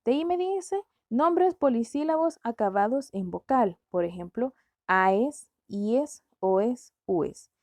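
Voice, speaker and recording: A woman's voice: a little high, animated, slow, darkish tone, no echo. A woman teaching a grammar lesson, explaining step by step with rhetorical questions.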